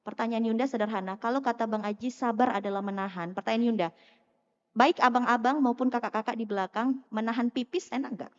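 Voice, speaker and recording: High-voiced woman preaching in an echoing hall. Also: fairly quick. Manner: animated, teasing, asks the crowd questions. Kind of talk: lively sermon to a live audience. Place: mosque hall. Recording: muffled sound in a long-echo hall.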